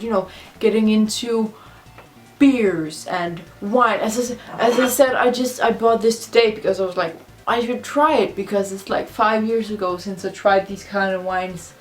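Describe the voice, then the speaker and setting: A tipsy woman with a mid-range voice speaks English as a second language in a casual vlog monologue. She is drunk, rambling and repetitive, sharing in a confessional way, with music in the recording. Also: mid-range voice. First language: not English. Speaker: video blogger.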